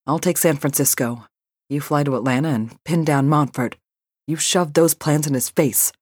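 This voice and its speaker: Woman narrator doing an angry cursing businessman, commanding, low voice, dry sound. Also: moderate pace, a little mellow, husky, dry recording. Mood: determined. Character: angry male business partner, forceful.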